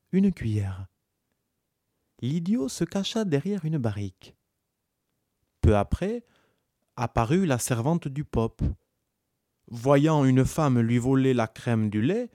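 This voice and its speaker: A man narrating a folk tale in a calm, measured storytelling manner. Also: mid-range voice, dry recording, studio quality.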